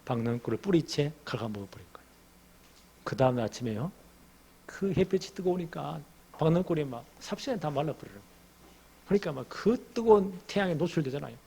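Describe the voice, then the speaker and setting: A middle-aged male pastor delivering a sermon with lively storytelling and questions to the congregation. His voice is gravelly and husky, pitched somewhat high for a man. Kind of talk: expository sermon.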